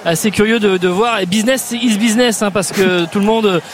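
A male pitchside reporter with a high voice calmly describes the scene in the stands. He stops often on fillers, and the faint sound of the outdoor stadium carries behind him. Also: slight background noise. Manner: descriptive, unhurried, frequent fillers.

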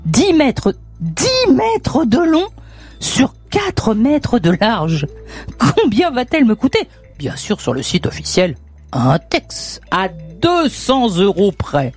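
A woman hosting a radio call-in game show, with a bouncy, lively voice that swings up and down. She talks in a chatty, teasing way, joking as she reads out the questions. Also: fairly high pitch, takes it slowly, husky, faint music behind.

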